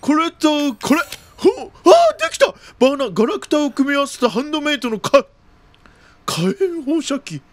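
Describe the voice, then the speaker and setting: A man doing jumpy let's-play commentary of a horror game, often repeating exclamations quickly and using old-man turns of phrase. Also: extremely high pitch, animated, a bit bright, dry recording. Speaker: video game streamer.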